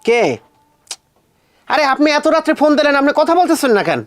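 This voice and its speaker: Brief: blustering, quick-tempered rural husband, rapid speech, Bangladeshi village accent, soft music bed. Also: male voice, very high voice, expressive. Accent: rural Bangladeshi Bengali. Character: short-tempered middle-aged village husband. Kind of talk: comedy drama acting.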